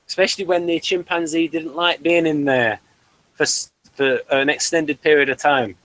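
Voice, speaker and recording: A man hosts a casual review chat in a fairly high voice, wandering through long explanations and dropping dry jokes. He is recorded close and dry, with no room sound. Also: fairly even intonation, normal speed, fairly bright tone, no room sound, poor audio. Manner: chatty and digressive, explaining at length; dry humour, chuckles between points. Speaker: host reviewing a TV series.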